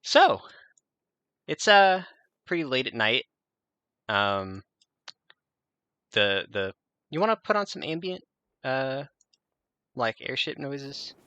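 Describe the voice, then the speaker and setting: Animated, bright-voiced game master. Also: male voice, mid-range voice, clean tone, dry recording, muffled recording. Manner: halting, many fillers. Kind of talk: narrating a tabletop game.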